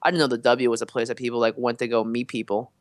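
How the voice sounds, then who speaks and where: A young man on a casual podcast, talking in a plain mid-range voice as he winds through a long anecdote. He is loose and animated and fills his pauses with ums and uhs. The sound is dry and close to the mic. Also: medium pitch, no room sound. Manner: rambling, animated anecdotes with fillers. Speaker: podcast co-host. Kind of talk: casual chat, storytelling.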